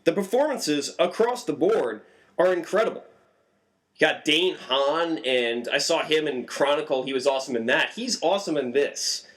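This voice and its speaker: Man, casual film review, animated, conversational, slightly higher voice. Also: normal speed. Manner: animated, swings pitch up for emphasis.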